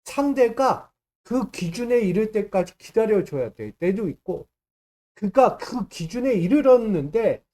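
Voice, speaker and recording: Male pastor, high voice, emphatic sermon delivery with rhetorical questions. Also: darkish tone.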